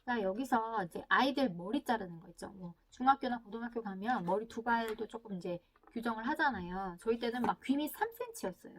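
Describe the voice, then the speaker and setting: A middle-aged woman hosting a casual talk on a book about parenting, acting out little scenes between mothers and children as she goes. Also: mid-range voice. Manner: lively, acts out mother and child lines in quick asides. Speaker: book channel host.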